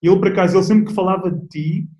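A young man with a European Portuguese accent, chatting as an interview guest in a relaxed, slangy way with plenty of restarts. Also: sits high, very fast, reverberant, poor audio. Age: young adult. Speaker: guest athlete. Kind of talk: casual interview chat.

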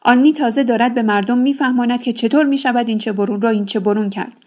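A woman's voice: on the high side, lightly acted. A woman reading a novel aloud, voicing a stern father who scolds his daughter. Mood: scolding. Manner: shouting, scolding. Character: stern middle-aged father, the tribe's elder.

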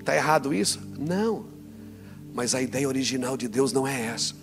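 A man preaching a sermon, swinging between loud exclamations and quiet, low passages. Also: expressive, fairly quick, long reverb tail, over music.

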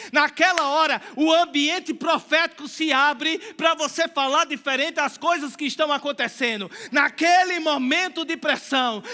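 A male pastor with a Brazilian Portuguese accent preaching a lively sermon, acting out quotes and building to shouts. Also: very high voice. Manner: animated, acts out quotes in other voices; rises to shouting at climaxes.

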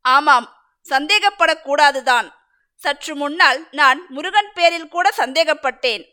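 Storybook role: loyal young wife, lamenting, bright and sharp in tone, voiced by a woman narrator. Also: sits high, a little slow. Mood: earnest. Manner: plaintive, lamenting. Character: devoted young village wife.

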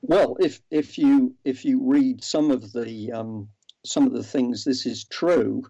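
A man's voice: medium pitch, slow, dark tone. A man, a guest in an interview, explaining earnestly with many ums and restarts. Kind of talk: interview over a remote line. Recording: dull lo-fi audio.

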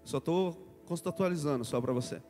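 A man preaching a sermon, swinging between loud proclamation and soft joking asides. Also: on the high side, brisk. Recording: live hall reverb with background music.

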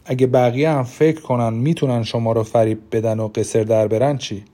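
A scheming court minister speaks with a velvety, courteous and persuasive voice, as a male narrator puts him on. The tone is mellow and soft, with a calm, steady delivery. It is an audiobook figure. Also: medium pitch, close to an everyday voice. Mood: insinuating.

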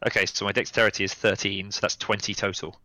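A man's voice: lowish voice, level tone, fast talker, sharp tone, no room sound, rough recording. A man, playing in a tabletop game, chatty and thinking aloud as he plans. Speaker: player. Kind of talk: casual tabletop game chat.

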